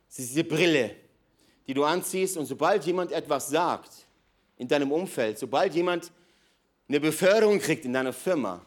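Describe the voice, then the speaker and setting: A man preaching an energetic sermon in a large church hall, swinging from loud emphatic bursts to quiet low asides. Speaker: pastor.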